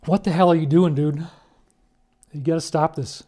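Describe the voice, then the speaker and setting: A man delivering an emotional commentary monologue, emphatic and prone to sudden loud outbursts. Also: a little high, fairly even intonation, moderate pace. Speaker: online commentator.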